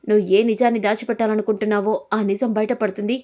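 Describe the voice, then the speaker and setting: A woman's voice: medium pitch, level tone, fast talker, darkish tone, close to an everyday voice. A woman voicing a grown son who firmly confronts his father and his daughter. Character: grown son, firm and accusing.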